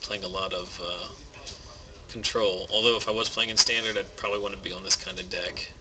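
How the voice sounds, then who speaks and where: A man giving relaxed, rambling commentary on a card game match, thinking aloud. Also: low-pitched, a little fast. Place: game store. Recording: background noise in a game store.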